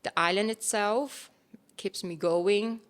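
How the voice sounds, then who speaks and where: As an interview guest, this woman from Thailand, in her thirties, talks in a slow, mid-range voice. Her speech is easygoing and casual, peppered with fillers and false starts.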